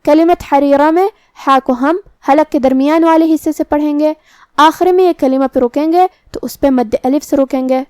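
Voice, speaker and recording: High, even-toned woman teaching recitation. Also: no echo, clean studio sound. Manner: slow, careful explanations with demonstrated words. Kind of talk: tajweed lesson explaining pronunciation rules.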